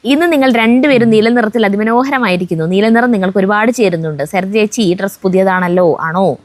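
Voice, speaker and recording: A woman reads viewer comments aloud at a middle pitch, steady and chatty. She stops now and then for a quick joke. The sound is close and dry. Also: no room sound. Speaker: vlog co-host reading viewer comments. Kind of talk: reading comments aloud, casual chat. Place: outdoors at home on a windy day.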